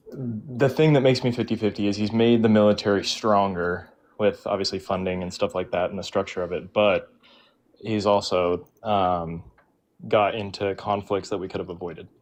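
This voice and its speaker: Here a young adult caller joins a livestream debate, his casual talk hesitant and full of ums and hedges. His voice runs on the low side, with a steady tone and normal speed.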